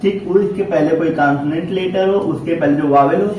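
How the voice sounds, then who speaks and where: A man's voice: a little high, a little fast, a little mellow. A man teaching an English pronunciation lesson in a classroom, repeating "okay" often and asking and answering his own questions. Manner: repetitive, checks in with "ठीक है" constantly, asks and answers own questions. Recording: very echoey room, distant mic, faint noise.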